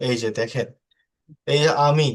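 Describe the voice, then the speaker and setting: A man teaching an English class, patiently repeating words slowly and explaining them to students. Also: mid-range voice. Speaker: English tutor.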